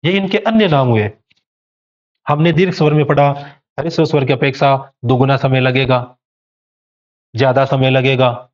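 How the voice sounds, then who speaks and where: A man's voice: mid-range voice, steady tone, moderate pace, pauses often, lo-fi sound. A male teacher giving an exam coaching lecture, explaining step by step and posing rhetorical questions to students.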